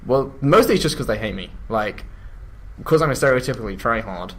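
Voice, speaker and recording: A young man from England with an English accent, talking in a loose, offhand way. His voice sits at an ordinary middle pitch. He rambles and laughs as he chats. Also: lively intonation, fairly quick. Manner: chatty, drifts into mock voices and laughs. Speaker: YouTube gamer. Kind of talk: casual chat.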